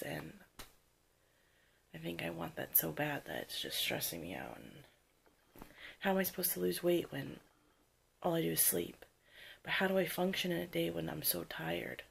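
A woman in her thirties talking to viewers in a weary, halting, half-whispered voice, subdued and upset as after crying. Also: lowish voice, creaky, a little hiss or hum. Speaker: vlogger. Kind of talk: confessional vlog, talking to viewers. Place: small room at home, indoors.

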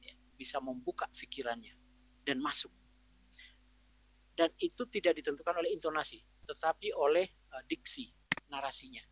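A man explains parenting ideas in a relaxed, conversational way and slips into the voices of parents and teachers as examples. His voice sits fairly high for a man. It is recorded dry and close over a video call microphone. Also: normal speed, long pauses, slightly rough, no echo, poor audio. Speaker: Islamic parenting speaker. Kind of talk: webinar talk answering a question.

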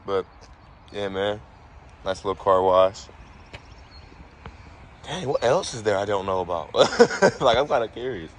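A man's voice: lowish voice, animated, measured pace, long pauses, a little hiss or hum. Young man, laid-back slangy vlog chat. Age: young adult. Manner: laid-back slangy talk, drifting soft and reflective. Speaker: vlogger. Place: quiet indoor room, an old church. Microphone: phone camera held close.

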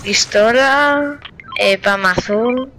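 A woman with a Spain Spanish accent chatting with teammates during a game, with excited bursts of callouts. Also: fairly high pitch, slow pace, background noise. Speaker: gamer. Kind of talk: casual gaming chat with teammates. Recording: game sounds and clicks behind the voice.

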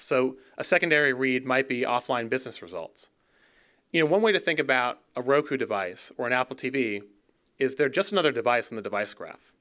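Bright, smooth-voiced man giving a keynote. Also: mid-range voice. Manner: fluent, conversational, repeats words at restarts. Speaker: keynote speaker. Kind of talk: conference keynote talk. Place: dark auditorium stage. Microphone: podium gooseneck mic.

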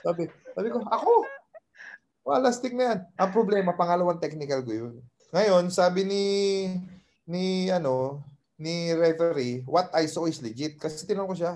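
Guy in his 30s telling a story on a podcast, slightly high voice, acts out what everyone said. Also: moderate pace. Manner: animated, acts out quoted exchanges. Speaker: podcast guest, former college basketball player. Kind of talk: casual storytelling chat.

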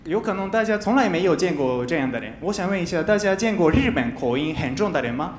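A young man performs stand-up in a Japanese accent, his voice high and very animated. He phrases things carefully as a second-language speaker, sometimes stumbling and repeating himself. The sound is roomy, from a big stage. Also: fast talker, slight background noise. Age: 20s. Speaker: stand-up comedian. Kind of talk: stand-up comedy monologue. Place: large TV studio stage with live audience. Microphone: handheld microphone.

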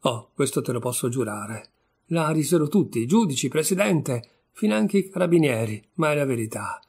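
A man's voice: medium pitch, creaky, darkish tone, husky. A man reading a short story aloud, voicing a bitter, sardonic young man disgraced after a trial. He speaks with wry irony.

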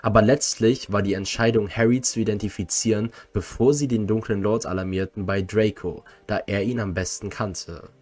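A man narrating a scripted lore video in a measured, analytical way. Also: on the low side, fairly even intonation, a little mellow. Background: faint music.

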